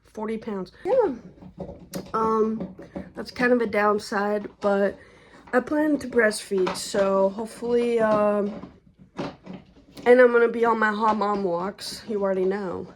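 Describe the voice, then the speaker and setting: A young woman in late pregnancy talks through a casual vlog update at an unhurried pace, her voice sitting at a middling pitch. She is chatty and slangy, and she sounds a little out of breath. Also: slight background noise. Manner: chatty, slangy, laid-back. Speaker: vlogger.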